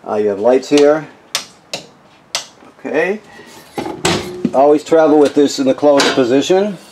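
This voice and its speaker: A fairly high-pitched, animated man takes his time explaining a travel trailer as he moves in and around it, with noise audible behind him. He's an RV walkthrough technician whose informal, instructional tour lays out features plainly and checks often that listeners keep up.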